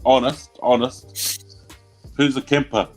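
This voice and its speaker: A man's voice: mid-range voice, steady tone, slow, soft background music. A young man with a New Zealand accent, co-hosting a casual livestream chat and telling rambling stories with plenty of laughter. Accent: New Zealand English. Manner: rambling storyteller, laughs a lot. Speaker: livestream co-host.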